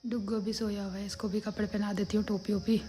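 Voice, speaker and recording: A woman's voice: medium pitch, flat delivery, quick pace, mellow, a little hiss or hum. A woman in her twenties from the Uttarakhand hills with a Pahadi Hindi accent, chatting homely and step by step through her family's day in a vlog. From Uttarakhand hills, India. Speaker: family vlogger. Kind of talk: casual daily-life vlog narration. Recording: background music under the voice.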